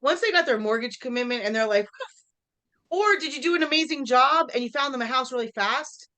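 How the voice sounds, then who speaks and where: A woman with a fairly high voice leads a live real estate training session. She addresses the room directly, tosses questions to her listeners and acts out quick exchanges with clients. Her delivery is energetic and conversational. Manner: energetic, talks straight to the audience, quizzes them. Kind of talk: live workshop teaching.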